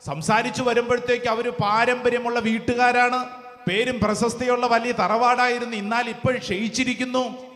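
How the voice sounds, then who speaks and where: A priest with a high voice preaches fervently, quizzing his congregation with rapid questions. His voice rings through a large church hall on a PA microphone, with a long, echoing tail after each phrase. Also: little pitch movement, a bit bright. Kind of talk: sermon with call-and-response.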